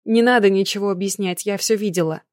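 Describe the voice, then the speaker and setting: A woman voicing a hurt young woman who speaks coldly and flatly to her lover in an audiobook. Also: medium pitch, fast talker, no echo, studio quality, lightly acted. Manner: cold, flat.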